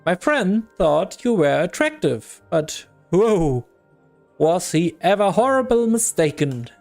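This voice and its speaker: A man's voice: high voice, sing-song, slow pace, a little mellow, faint music behind, exaggerated voice. A man voicing a snide, wisecracking floating male skull who mocks the people around him. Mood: mocking. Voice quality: snide, mocking.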